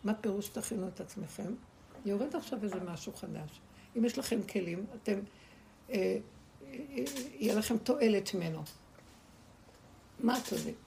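A woman's voice: mid-range voice, gravelly, long pauses, crowd noise. A woman leading a spiritual teaching for a small group, speaking emphatically, repeating her words and firing rhetorical questions at her listeners.

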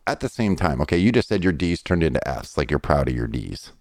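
A middle-aged man with a very low voice, recorded very dry. He debates casually and insistently, blunt in his opinions and free with profanity. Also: big pitch swings, brisk, a little mellow, no echo.

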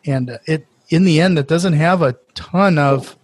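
A podcast host with a Norwegian accent runs a casual interview in a fairly high, husky voice at a measured pace. He's enthusiastic and keeps restarting sentences, with plenty of fillers. There's no echo on the recording.

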